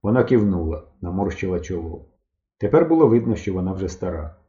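Man, audiobook narration, even storytelling, low mellow voice, muffled dull sound. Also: fairly quick.

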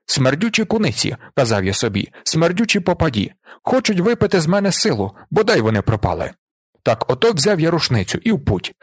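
A man reading an audiobook, voicing a gruff aging male wanderer who tells his past with vivid emotion. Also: a little high, no room sound, clean studio sound, heavily acted.

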